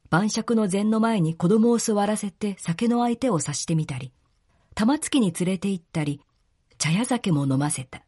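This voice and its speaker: A woman narrating a literary story in a calm, measured reading. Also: mid-range voice, slightly rough.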